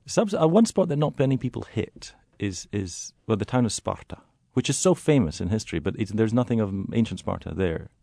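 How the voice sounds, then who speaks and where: A man's voice: on the low side, animated, brisk, gravelly, hardly any pauses, warm tone, no room sound, studio quality. A man talking as a tour guide guest in an interview, articulate and wry with emphatic wording. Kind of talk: conversational interview.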